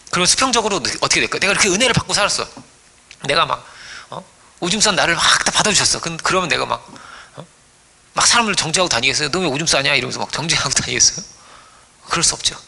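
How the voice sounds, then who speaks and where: Lively, bright-voiced male pastor preaching. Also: on the high side, gravelly, breathy edge. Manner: playful storytelling, acting out voices, frequent "어?" prompts to the congregation. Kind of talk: sermon.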